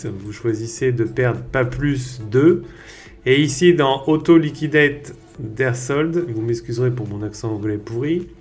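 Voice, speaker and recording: A man hosting a trading tutorial, walking viewers step by step through software settings in a casual way with many fillers. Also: mid-range voice. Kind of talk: screen-share software tutorial.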